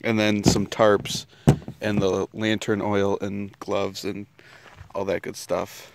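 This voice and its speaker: A man's voice: lowish voice, slow pace, gravelly, very noisy. A young man vlogging outdoors at a wooded campsite, chatting casually into a handheld camera as he walks and points things out. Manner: relaxed, chatty, listing things with fillers. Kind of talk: casual vlog tour. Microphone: handheld camera at arm's length.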